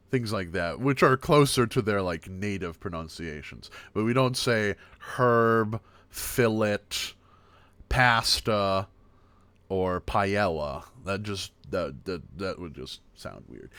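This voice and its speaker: An American man giving a casual livestream language lesson, repeating each example word slowly and chatting between them. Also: lowish voice, fairly bright tone, dry recording. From United States. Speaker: streamer teaching a language. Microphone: streaming mic.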